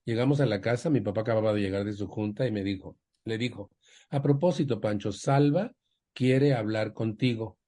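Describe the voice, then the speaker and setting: A man's voice: fairly quick, warm tone. A man speaking at a support group, counseling a woman with a personal story and acting out his family's lines. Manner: acts out quoted family members with raised pitch. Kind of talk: storytelling counsel to an audience member.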